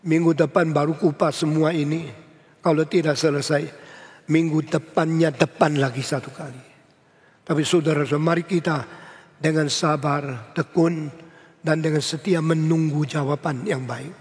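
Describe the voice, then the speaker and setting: An older male pastor preaching a sermon, emphatic, with sharp rises on key words and phrases in English. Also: fairly high pitch. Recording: long church hall reverb.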